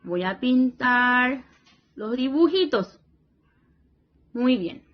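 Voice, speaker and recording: A woman teacher talking young children through a worksheet, slow and patient, often praising and checking they follow along. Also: sits high, animated, highs cut off. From Paraguay region.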